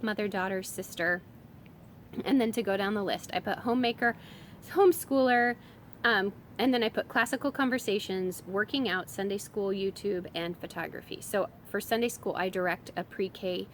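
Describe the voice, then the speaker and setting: Here a woman in her thirties, sick with a summer cold and sounding slightly strained, talks casually on her homeschooling-mom vlog. Her pitch is medium, there's a little hiss or hum, and she wanders a bit with many fillers and false starts.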